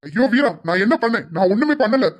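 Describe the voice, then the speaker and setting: A frightened man in a drama, voiced by a performer pleads his innocence again and again in an even, middle-pitched voice. He sounds defensive and desperate to be believed. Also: brisk, close to an everyday voice. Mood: pleading.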